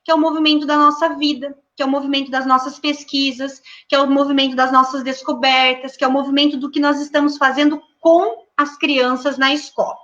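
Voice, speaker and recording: A woman educator speaking in an online panel, lively and acting out classroom talk. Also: high-pitched, a little fast, hardly any pauses, muffled recording. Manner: lively, acts out classroom dialogue. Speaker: guest speaker, early childhood educator.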